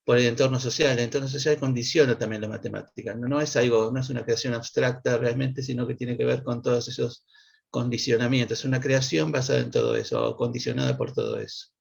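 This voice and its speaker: A man's voice: mid-range voice, quick pace, creaky, husky. A man, speaking as an interview guest and explaining his ideas casually, thinking aloud as he goes. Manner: thinks aloud, with restarts and fillers. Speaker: guest, mathematician and philosopher. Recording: lo-fi, dull audio.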